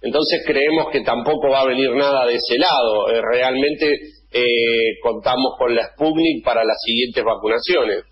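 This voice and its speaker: A man's voice: medium pitch, normal speed, hardly any pauses, dull audio. A man hosting a radio interview, asking questions with frequent fillers. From Argentina. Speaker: radio host.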